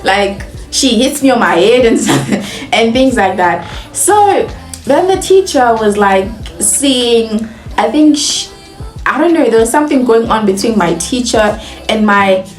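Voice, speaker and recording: With soft music playing in an echoey room, a young woman from Nigeria vlogs a chatty story in her Nigerian accent. Her voice is a little high and a little slow, and she is animated, laughing often and filling with "like".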